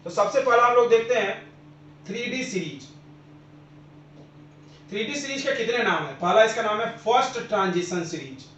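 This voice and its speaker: High-voiced man teaching in an echoey room. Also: expressive, moderate pace, long pauses, fairly bright tone, slight background noise. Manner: drills students with repeated questions and answers. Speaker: chemistry teacher. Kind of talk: classroom lecture. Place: classroom. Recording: roomy, dull lo-fi classroom recording.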